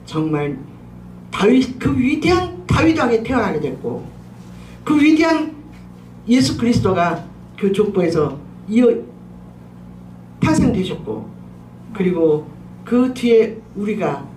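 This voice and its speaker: Animated woman preacher in a roomy hall. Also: slow, pauses often, a little hiss or hum. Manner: animated, emphatic preaching with swooping pitch. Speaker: pastor, preacher. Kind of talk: sermon with personal testimony. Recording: roomy echo, distant mic, faint ambience.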